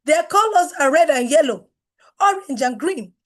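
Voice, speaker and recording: A middle-aged woman, hoarse from losing her voice, giving an emphatic online branding workshop full of rhetorical questions. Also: high voice, expressive, normal speed. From Nigeria. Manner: emphatic, rhetorical questions, wide swings in loudness. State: hoarse, has lost her voice. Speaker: webinar speaker on branding. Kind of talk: live online workshop talk.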